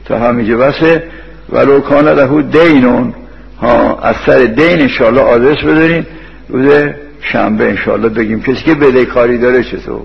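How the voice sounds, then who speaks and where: Gravelly male preacher, old radio sound. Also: medium pitch, big-room sound, highs cut off. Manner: folksy storytelling, acts out dialogues with sudden loud outbursts. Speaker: cleric preacher. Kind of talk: sermon.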